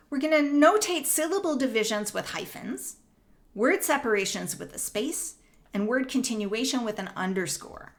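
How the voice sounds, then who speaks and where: Woman with a Canadian accent, music lecturer, steady explanatory delivery, spells out syllables slowly. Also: mid-range voice. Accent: Canadian English. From Northern Ontario, Canada. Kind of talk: recorded online lecture.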